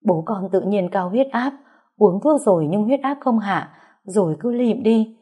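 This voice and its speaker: A woman's voice: fairly low pitch, moderate pace, dark tone, breathy edge. A woman reader voicing a frantic middle-aged mother who pleads through tears in a storybook reading. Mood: panicked. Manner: tearful, pleading.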